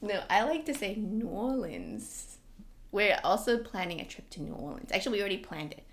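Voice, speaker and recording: A woman co-hosting a podcast in casual chat, talking in an animated way with lots of fillers. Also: medium pitch, fast, roomy sound. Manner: chatty, animated, frequent "like" fillers. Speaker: podcast co-host.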